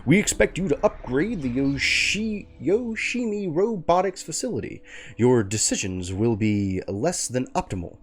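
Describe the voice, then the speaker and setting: A man's voice: medium pitch, sing-song, measured pace, breathy edge. A man voicing a chirpy, cheerful male robot that guides a newcomer through a game tutorial in an upbeat, sing-song way. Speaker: gamer reading a tutorial aloud.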